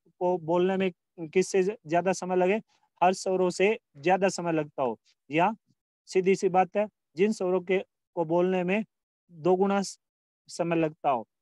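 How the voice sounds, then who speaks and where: A man's voice: high-pitched, a little mellow, no echo. A male Hindi grammar teacher in a recorded school lesson, who asks questions and answers them himself, repeats phrases and draws out vowel sounds as examples. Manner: repeats phrases, restarts often.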